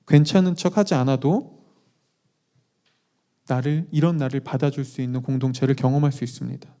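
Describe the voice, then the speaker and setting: A male pastor preaching a conversational sermon, animated, putting questions to the congregation with self-deprecating asides. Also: fairly high pitch.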